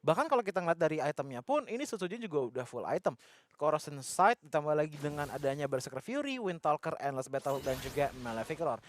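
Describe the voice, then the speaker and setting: A man's voice: on the high side, big pitch swings, fast talker, a little hiss or hum. An Indonesian man giving live esports play-by-play and analysis in wordy, flowing explanations. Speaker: esports match commentator.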